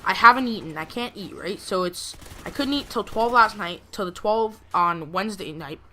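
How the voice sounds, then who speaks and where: Bright-voiced young woman rambling casually. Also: mid-range voice, expressive, moderate pace, slight background noise. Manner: rambling, frequent "like" and "you know". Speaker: gameplay video creator. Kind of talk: casual storytelling over gameplay.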